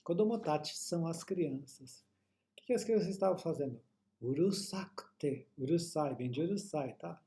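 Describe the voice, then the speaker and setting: A man's voice: a little high, animated, normal speed, mellow. A man with a Brazilian accent teaching Japanese in an online lesson, explaining patiently and often checking that listeners follow. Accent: Brazilian Portuguese.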